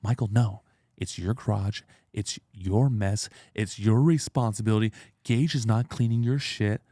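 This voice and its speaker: A man's voice: mid-range voice, racing, gravelly, a little mellow, husky, no echo, clean studio sound, voice pushed up. A man playing his nagging wife. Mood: scolding. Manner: insistent, exasperated. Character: nagging wife demanding a chore.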